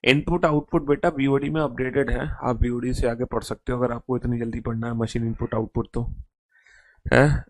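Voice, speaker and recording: A male teacher with a mid-pitched voice, speaking Hindi to his online class in a patient, coaxing way and repeating each instruction. The recording is dry and close, with no room sound. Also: little pitch movement, normal speed, dry recording. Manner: coaxing, repetitive, calls students beta. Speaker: English teacher.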